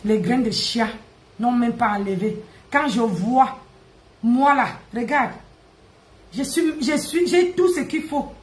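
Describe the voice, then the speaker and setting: A woman, ranting and mocking on a live stream, loud, laughing and teasing. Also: a little high, slow, long pauses. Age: 50s. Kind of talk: Facebook live rant. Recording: echoey room.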